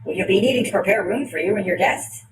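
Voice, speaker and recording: A man voicing a polite, courteous little butler droid in a prim, high voice. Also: fast talker, roomy sound, distant mic, noisy background, close to an everyday voice. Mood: welcoming. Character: polite male butler droid, small and fussy. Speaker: game master.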